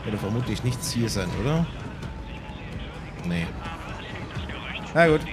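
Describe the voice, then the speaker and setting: A man's voice: medium pitch, big pitch swings, slow pace. A man casually commenting while he plays a game, musing aloud and poking fun at himself. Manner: musing, self-mocking, talks to himself while playing. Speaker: let's play gamer. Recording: game music behind the voice.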